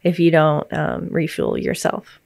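A woman speaking as a grief counselor and podcast co-host, giving gentle, reassuring explanations in conversation. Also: low voice, huge pitch swings, measured pace, gravelly, dry recording, studio quality.

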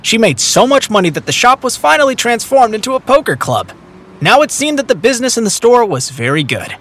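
Animated man narrating an audiobook. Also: very high-pitched, brisk. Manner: animated storytelling. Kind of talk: scripted narration. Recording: dry close recording, faint music.

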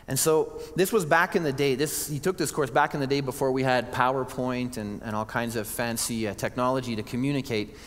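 Male pastor, sermon, earnest conversational delivery, mid-pitched voice, reverberant church hall. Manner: earnest, conversational preaching with restarts. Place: church sanctuary.

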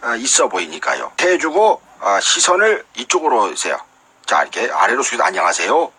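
A man's voice: mid-range voice, big pitch swings, normal speed, bright, forceful tone, a little hiss or hum. A man giving a mock tutorial as a comic instructor, demonstrating step by step.

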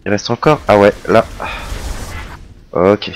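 A man giving casual, chatty commentary over his own gameplay, excitable and quick to mock himself. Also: lowish voice, faint music behind. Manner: chatty, self-mocking, excitable. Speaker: let's play gamer.

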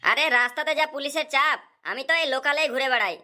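A woman's voice: high-pitched, fast, bright, forceful tone. A woman voicing an anxious young man, a farmer's son, in a cartoon. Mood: worried. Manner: anxious and complaining.

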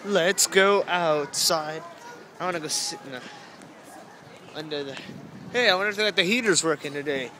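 A young man vlogs his walk through a night zoo light show in a high, bright, forceful voice, very animated and fast, though he pauses often. He rambles casually and is easily amused. Recorded on a handheld camera, the audio is noisy and crowded, with crowd chatter and outdoor noise behind him.

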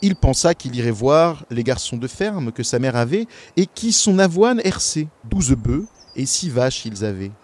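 A man reading medieval verse aloud with slow, careful recitation. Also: medium pitch, sing-song, a little mellow. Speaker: podcast guest.

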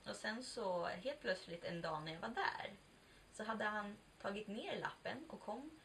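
Her mid-range voice is animated and a bit bright as this twentysomething vlogger tells a personal story, chatty and candid, in a casual confessional mode. Occasional swearing and acted-out dialogue feature. The mic is far away, picking up faint background noise.

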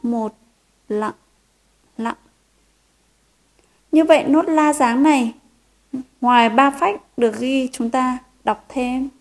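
High-voiced, unhurried woman teaching piano. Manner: gentle and encouraging, counting beats and singing note names. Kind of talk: children's piano lesson.

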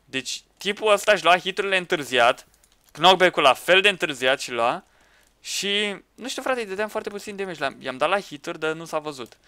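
A man commenting on a Minecraft match with friends, excitable, shouting at teammates and laughing. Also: high voice, clear, resonant tone, no room sound. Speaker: gaming YouTuber.

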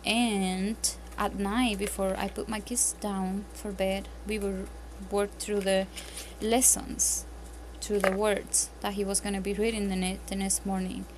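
A homeschooling mother whose first language is Spanish, from a Spanish-speaking country, speaks in a medium-pitched, flat, slightly slow voice. Seated at a table indoors at home, she offers casual vlog tips earnestly, with plenty of ums and restarts. Background noise is audible throughout.

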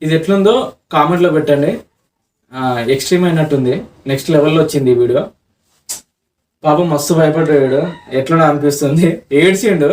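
Brief: teasing prank-video host, a man with a Telangana Telugu accent, mid pitch, recorded from afar in a roomy space. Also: fast, pauses often, darkish tone, distant mic. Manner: chatty, teasing, addresses viewers. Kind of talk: casual vlog talk.

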